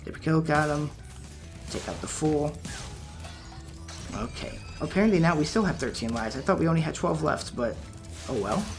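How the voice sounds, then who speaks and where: A man giving relaxed, chatty commentary while playing a video game, his voice wearing out. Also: fairly high pitch, moderate pace, pauses often, over music. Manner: relaxed, chatty, laughs at his own mistakes. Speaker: let's play gamer. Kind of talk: casual gameplay commentary.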